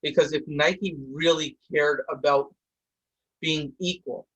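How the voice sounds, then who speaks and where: In a casual podcast discussion recorded in a room at home, a young adult Indian man acts as host, talking heatedly and fast with many restarts. His voice is on the high side, steady and a bit bright with a breathy edge, and the highs are cut off.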